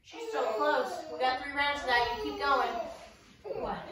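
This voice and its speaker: A woman's voice: sits high, expressive, measured pace. A woman leading a home workout, out of breath, chatty and encouraging while her child interrupts. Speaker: fitness instructor. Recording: echoey room, distant mic, faint noise.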